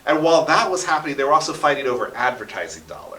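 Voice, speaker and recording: A radio drama producer and local history enthusiast, appearing as an interview guest in a radio studio, tells stories conversationally and emphatically, often checking in with the listener. His medium-pitched, sharp voice swings widely in pitch and comes rapid-fire. He sits far from the mic, so the sound is roomy and echoing.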